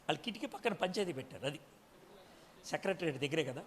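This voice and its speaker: A man's voice: fairly high pitch, animated, fast, a little hiss or hum. A male pastor preaching a sermon, constantly firing rhetorical questions at the congregation and scolding them. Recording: long hall reverb.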